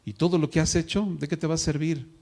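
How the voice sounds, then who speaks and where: A man's voice: a little high, fairly even intonation, quick pace, mellow. A man preaching a sermon at a church service, asking the congregation questions and acting out the voices he quotes. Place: church service streamed live.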